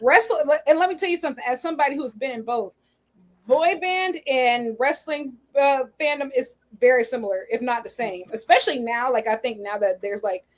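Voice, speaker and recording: High-voiced animated woman in her twenties. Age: 20s. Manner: animated, slangy, quick to laugh. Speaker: co-host. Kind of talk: casual charity stream chat.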